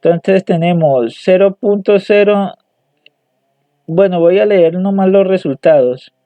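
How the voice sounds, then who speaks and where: Hesitant young male student, high voice, slow delivery, reading results over lo-fi dry audio. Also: dark tone, no room sound. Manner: hesitant, halting, repeats words and restarts. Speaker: student presenting homework. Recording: dry tinny phone-like audio.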